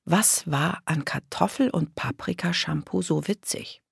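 A woman narrating a children's audiobook in a calm, even storytelling voice. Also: low voice, unhurried, vocal fry, husky, no room sound, clean studio sound.

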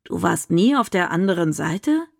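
A woman's voice: fairly low pitch, big pitch swings, normal speed, gravelly, darkish tone, no echo, clean studio sound, full character voice. A woman reading a storybook, voicing a nervous young boy who speaks hesitantly and carefully. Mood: wary.

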